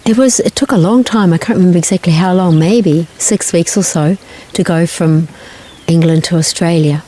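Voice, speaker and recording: An older woman who grew up in New Zealand, answering interview questions in a gentle, thoughtful way with pauses and restarts. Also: on the low side, low-quality recording. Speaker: guest, singer-songwriter.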